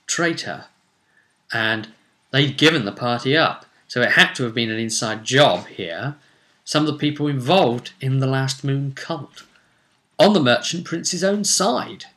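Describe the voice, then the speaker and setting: As game master and presenter of the series, a man with a medium-pitched, sharp voice runs through a recap of a tabletop fantasy game, dramatic but relaxed, with wry asides along the way.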